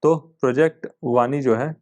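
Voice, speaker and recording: A man's voice: mid-range voice, fairly even intonation, measured pace, darkish tone, dull audio. A man teaching an exam coaching class in a casual, conversational way, often repeating himself and using fillers. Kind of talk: casual Hindi lecture with English terms.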